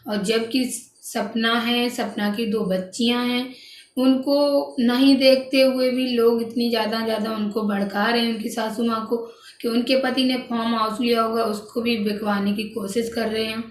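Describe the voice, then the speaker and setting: A woman's voice: fairly high pitch, little pitch movement, normal speed. A woman vlogger narrating family gossip in a casual, chatty way to her viewers, often saying "guys" and restarting her sentences. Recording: echoey room, distant mic, faint background noise.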